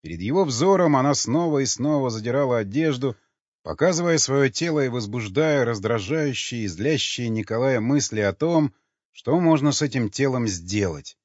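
A man reading an audiobook in a steady, measured narration. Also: medium pitch, no room sound. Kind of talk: scripted narration. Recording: dull lo-fi audio with faint music.

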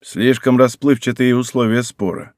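A man reading an audiobook, voicing a bored, grumpy nobleman who speaks curtly and gruffly. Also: medium pitch, steady tone, moderate pace, darkish tone, no echo, studio quality, lightly acted. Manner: gruff, curt.

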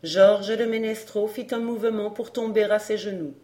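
A woman narrating a novel in an audiobook with steady, clear reading. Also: medium pitch, normal speed. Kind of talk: scripted narration.

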